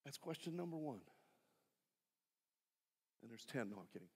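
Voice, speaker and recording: A man's voice: medium pitch, big pitch swings, normal speed, husky. A middle-aged man preaching a conversational sermon from a church stage, asking rhetorical questions and slipping in small jokes. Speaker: pastor. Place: church stage, large sanctuary. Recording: long hall reverb in a sanctuary.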